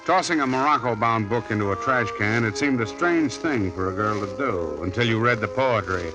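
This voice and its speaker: A man's voice: lowish voice, moderate pace, music in the background, close to an everyday voice, poor audio. A man playing a wry hardboiled private detective in a 1950s radio drama, narrating in a dry voice and questioning people.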